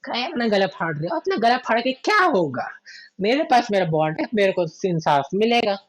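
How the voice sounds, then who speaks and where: A man's voice: high-pitched, sing-song, a little fast. A man doing a stubborn mocking moneylender. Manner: casual, scolding street Hindi.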